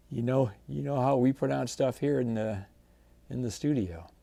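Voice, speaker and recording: A man hosting a guitar channel, chatting in a relaxed, folksy way while unboxing a new guitar. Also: mid-range voice, measured pace, vocal fry, no room sound. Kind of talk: casual unboxing vlog.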